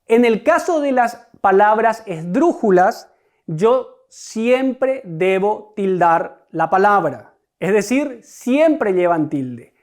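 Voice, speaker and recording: A teacher delivers a recorded online grammar lesson aimed at schoolchildren, using a medium pitch. The tone is deliberate and explanatory, with key concepts repeated and the students addressed directly.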